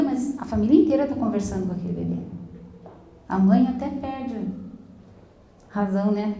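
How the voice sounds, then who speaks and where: Warm-voiced teacher in an echoey room. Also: female voice, mid-range voice. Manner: explanatory, keeps tagging sentences with "né?", mixes in English words. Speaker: English teacher at a school. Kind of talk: talk to parents.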